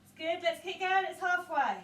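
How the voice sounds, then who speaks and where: A woman's voice: extremely high pitch, moderate pace, distant mic. A woman coaching a home workout, encouraging and counting down the seconds, out of breath. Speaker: fitness coach. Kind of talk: workout instruction. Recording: roomy sound from away from the mic.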